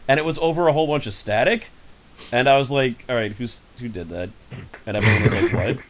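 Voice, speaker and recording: A man hosting a casual podcast over a voice call, telling rambling, animated stories. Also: medium pitch, fast. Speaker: podcast host. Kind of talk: casual chat. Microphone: home microphone over a voice call.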